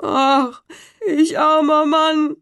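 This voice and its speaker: A woman's voice: high-pitched, level tone, very slow, fairly bright tone, no room sound, clean studio sound, pitched above the performer's own voice, full character voice. Woman doing a wailing unlucky carter. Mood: lamenting. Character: angry, despairing male carter.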